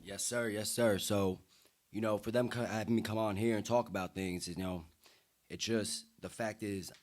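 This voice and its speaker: A deep-voiced young American appears as a podcast guest, conversing casually with plenty of slang while sounding earnest and emphatic. His intonation is fairly even and his pace moderate.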